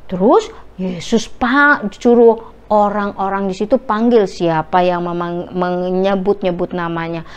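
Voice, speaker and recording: A woman's voice: medium pitch, steady tone, unhurried, smooth. A woman Sunday school teacher telling a Bible story to children in simple, patient words.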